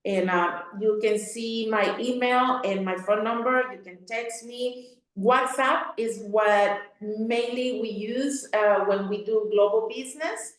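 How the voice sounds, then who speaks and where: A woman from Mexico with a slightly high voice talks in a chatty, friendly way, using plenty of fillers. Her voice rings around a very echoey room, with a strong reverberant tail. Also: takes it slowly. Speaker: webinar panelist. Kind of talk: casual presentation.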